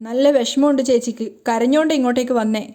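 A woman's voice: fairly high pitch, fairly even intonation, fast talker, dark tone, lightly acted. A woman voicing an upset young woman speaking through tears. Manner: tearful, urgent.

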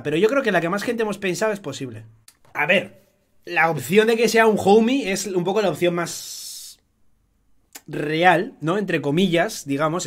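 A young man from Spain with a Spanish accent, talking excitedly through a casual live-stream commentary, swearing often in chatty fan banter. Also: a little high. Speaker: streamer analyzing an anime opening.

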